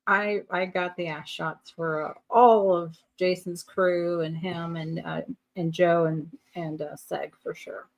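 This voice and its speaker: Kichernde Frau mit tiefer Stimme. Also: female voice, on the low side, fairly even intonation, measured pace, few pauses, low-quality recording. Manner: giggly, self-mocking. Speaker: podcast co-host. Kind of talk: casual live-stream chat.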